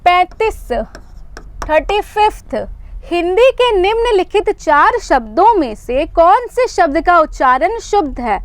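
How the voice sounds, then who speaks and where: A woman's voice: very high-pitched, lively intonation, takes it slowly. A young woman teaches a live online exam-prep class, explaining patiently and checking in with "isn't it?" as she goes. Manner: explains patiently, repeats points and asks "isn't it?" often.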